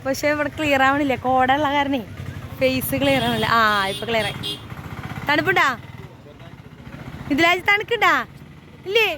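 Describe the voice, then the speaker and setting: A woman's voice: sits high, fairly quick, fairly bright tone. A young woman chatting casually to her travel vlog viewers, mixing in occasional English words. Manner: addresses viewers often, informal, mixes in occasional English words. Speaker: family travel vlogger. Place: in a car and outdoors on a road trip. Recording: noisy vehicle and outdoor ambience.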